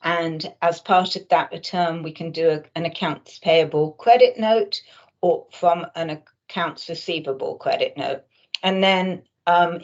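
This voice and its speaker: A woman with a slightly low voice explains things webinar-style, like a consultant guiding clients through a product. She talks quite slowly and often hesitates mid-sentence, and the audio comes across somewhat dull and muffled.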